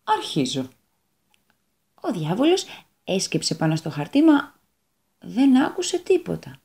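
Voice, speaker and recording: A woman storyteller reading a children's fairy tale aloud on a radio show, in an expressive, animated way. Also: medium pitch, vocal fry.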